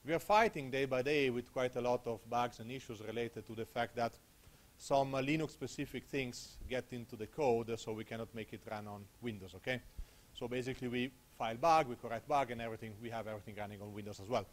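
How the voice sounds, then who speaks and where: He talks fast at a medium pitch: an Italian-accented man in his thirties giving a technical conference talk. He's on a handheld mic in a small room. The delivery is casual and conversational, with "okay?" tagged onto his points often.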